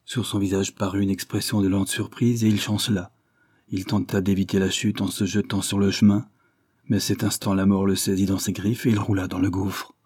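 A man reading a novel aloud as an audiobook narrator, with steady, measured narration. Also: sits low, husky. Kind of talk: scripted narration.

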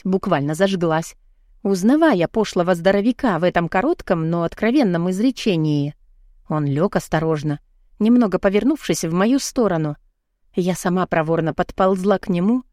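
A woman narrates a first-person novel as an audiobook, reading expressively and lifting her voice high for the heroine's lines. The studio-quality recording has no room sound.

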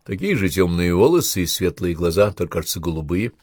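A commanding German officer, clipped and ironic, in a low voice, as the narrator plays him. The reading is dry and close-miked. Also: male voice, very animated, quick pace, a little mellow, breathy edge, no room sound, exaggerated voice. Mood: ironic, gentle. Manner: clipped, authoritative.

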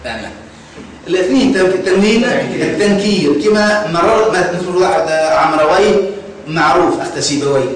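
A man's voice: sits high, lively intonation, moderate pace, distant mic, a little hiss or hum. A man with a Tunisian Arabic accent teaching a grammar lesson, quizzing students and repeating key words. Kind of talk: classroom lecture. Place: classroom. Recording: echoey classroom, voice from afar.

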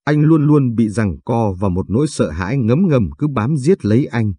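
A man reading a story aloud in a steady, even storytelling way. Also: medium pitch, normal speed, breathy edge, no echo, studio quality. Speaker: narrator.

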